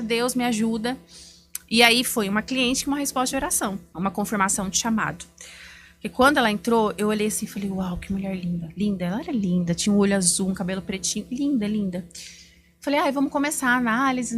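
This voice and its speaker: Lively, heartfelt woman telling her story. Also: fairly high pitch. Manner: lively storytelling that acts out remembered dialogue; heartfelt, faith-filled and emotional. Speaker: image consultant, podcast guest. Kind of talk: personal testimony in a podcast interview.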